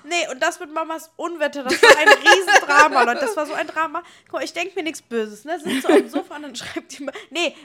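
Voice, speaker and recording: A woman co-hosting a casual podcast, chatting and reacting with quick interjections. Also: sits high, sharp tone. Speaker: podcast co-host. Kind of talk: casual chat.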